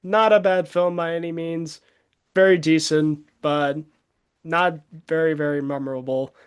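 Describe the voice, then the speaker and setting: A man's voice: fairly high pitch, steady tone, unhurried, clear, resonant tone. A man chatting casually as co-host, rambling with many fillers and frequent laughs. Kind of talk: casual chat.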